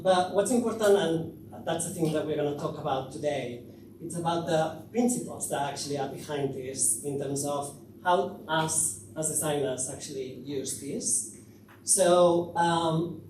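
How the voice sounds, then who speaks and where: A man from Spain gives a conference talk, hesitating often with filler sounds. His voice sits a little high and reaches us from a distance. The hall rings with heavy echo and steady background noise. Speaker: conference speaker. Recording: echoey hall, distant mic, noisy.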